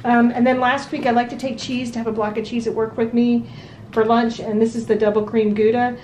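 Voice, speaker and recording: A woman chatting casually at home while showing off her weekly grocery haul, relaxed and full of ums and restarts. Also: on the high side, brisk, slight background noise. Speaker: vlogger. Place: home dining room at a table.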